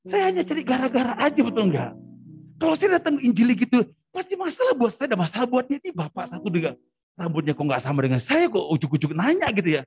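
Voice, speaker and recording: A man preaching a storytelling sermon as a pastor over a video call, animated and often laughing. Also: extremely high pitch, quick pace, husky, no room sound. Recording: dull lo-fi video-call audio with faint music.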